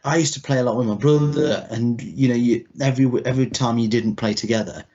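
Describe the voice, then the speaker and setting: On dull lo-fi podcast audio, a thirtysomething male co-host rambles loosely through a casual chat. He speaks fast at medium pitch, and his tone is warm.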